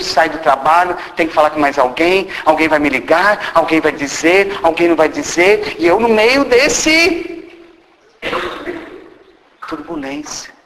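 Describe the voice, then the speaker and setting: A man's voice: a little high, creaky, fairly bright tone. A man giving a spiritist sermon, speaking straight to the audience and asking many rhetorical questions. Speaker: spiritist lecturer. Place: hall of a spiritist centre. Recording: reverberant hall with faint background noise.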